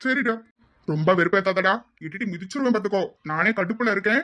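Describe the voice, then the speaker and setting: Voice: medium pitch, lively intonation, fast, sharp tone. A performer voicing a snappish young man. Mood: irritated. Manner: snappish, grumbling. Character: irritated young man in love. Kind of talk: amateur audio drama.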